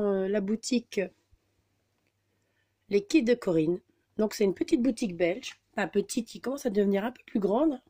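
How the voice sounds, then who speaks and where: A woman's voice: a little high, dark tone. A woman, talking casually through a scrapbooking haul, hesitant with many fillers. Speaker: scrapbooking vlogger.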